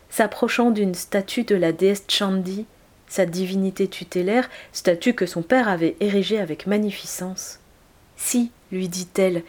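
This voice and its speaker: A woman reading an old tale aloud in a soft, measured way, at times near a whisper. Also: lowish voice. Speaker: narrator.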